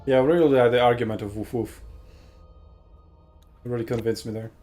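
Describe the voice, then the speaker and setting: Man, esports caster, casual chat, jokey, rambling, mid-pitched. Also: steady tone, brisk, dark tone, soft background music. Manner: chatty, jokey, rambling with fillers. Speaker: tournament caster.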